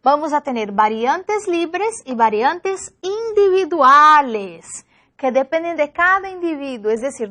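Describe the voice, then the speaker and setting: A woman teacher giving a methodical lecture, often pausing to say "perfecto" as she explains each point. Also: high-pitched, a bit bright. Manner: explanatory, checks in with frequent "perfecto". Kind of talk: online lecture.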